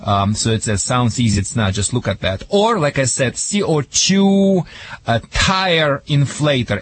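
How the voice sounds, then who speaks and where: Male radio advice-giver, Russian accent. Emphatic, joking delivery, broken grammar, faint hiss behind the voice. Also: mid-range voice. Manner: emphatic, joking, non-native grammar with dropped articles. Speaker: dog trainer giving advice on a radio show. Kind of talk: spontaneous call-in radio advice.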